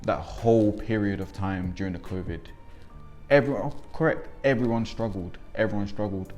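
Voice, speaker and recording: A young man in his twenties, born in Congo and raised in England, talks reflectively in a documentary interview as a young father, often saying "um." His voice is fairly low and a little mellow at a normal pace, with soft music in the background.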